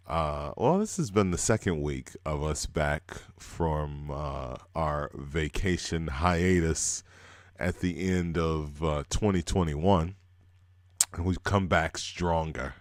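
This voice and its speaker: A man's voice: deep voice, dry recording, clean studio sound. A man hosting a casual music livestream, rambling with many fillers and chuckling as he talks. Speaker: host.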